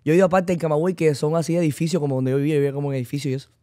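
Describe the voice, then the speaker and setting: A man's voice: on the high side, rapid-fire, warm tone, no echo, studio quality. A man with a Cuban accent, a guest in a casual conversation, rambling and restarting his sentences often. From Cuba.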